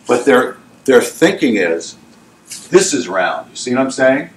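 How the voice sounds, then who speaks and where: A middle-aged man who owns a salon, telling stories from his career in an animated way, laughing often and asking whether the listener follows. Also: mid-range voice, a little slow. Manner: animated, laughing, often asks "you know what I'm saying". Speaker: salon owner and hairdresser. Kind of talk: storytelling in a casual interview.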